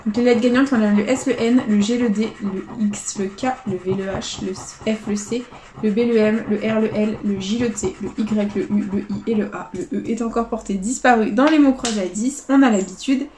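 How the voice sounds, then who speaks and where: A woman casually commenting as she scratches lottery tickets, calling out letters and numbers one by one, often quietly. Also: medium pitch, moderate pace, roomy sound, a little hiss or hum.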